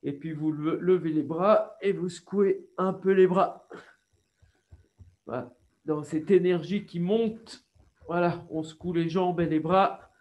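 A man with a French accent leading a yoga class over a video call, giving slow, calm instructions with breathing cues. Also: sits high, dull audio. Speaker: yoga teacher.

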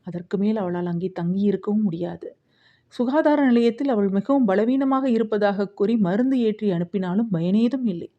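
A woman's voice: medium pitch, moderate pace, lo-fi sound. A woman narrating a novel as an audiobook, telling the story expressively.

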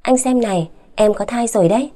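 A woman's voice: medium pitch, normal speed, warm tone, natural voice. A woman narrator voicing a bitter young wife who answers back with raised, indignant lines. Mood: angry hurt. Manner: indignant, rising and heated.

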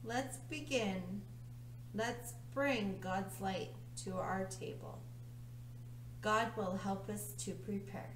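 A middle-aged woman leading a children's church lesson, reading a story slowly, clearly and soothingly. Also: medium pitch, a bit bright. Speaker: children's ministry leader. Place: church room with a round table, indoors. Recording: echoey room, faint hum.

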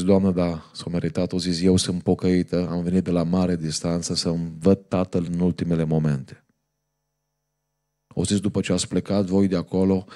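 Deep-voiced man preaching a sermon. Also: warm tone. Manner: fervent preaching, storytelling. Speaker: pastor. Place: church.

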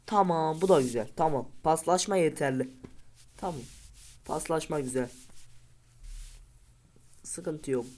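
A man's voice: a little high, unhurried, long pauses, darkish tone. A man giving casual commentary over a football video game, with frustrated outbursts and pleading at his players. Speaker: gaming video creator.

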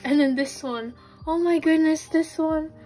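High-voiced young woman gasping with excitement. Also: unhurried, faint music behind. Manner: gasps and squeals with excitement. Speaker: vlogger unboxing collectibles. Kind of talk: casual unboxing chat.

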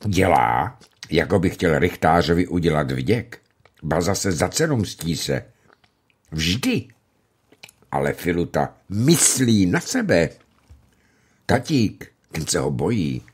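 A man's voice: sits low, very animated, long pauses, slightly rough, heavily acted. A man voicing a troubled young village woman in love, confiding and sorrowful. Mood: confiding, sad.

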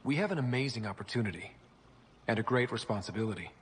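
An actor playing a young human explorer in a video game, speaking like an earnest diplomat giving an inspiring, motivational speech. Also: male voice, lowish voice, lively intonation, fast, slight background noise, lightly acted.

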